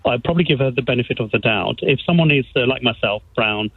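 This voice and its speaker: A man from Bangladesh calling in to a radio show, speaking hesitantly with many pauses and restarts. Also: mid-range voice, husky, no room sound. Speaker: caller. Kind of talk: radio phone-in call. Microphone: phone. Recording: tinny phone line.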